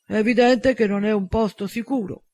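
A man's voice: high voice, fairly even intonation, moderate pace, a little mellow, no room sound. A man reading a firm, protective pack leader. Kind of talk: audiobook dialogue.

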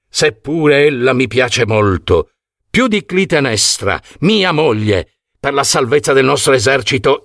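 A man's voice: mid-range voice, gravelly, no echo, studio quality, exaggerated voice. A man playing a furious greedy ancient king. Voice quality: shouting, indignant.

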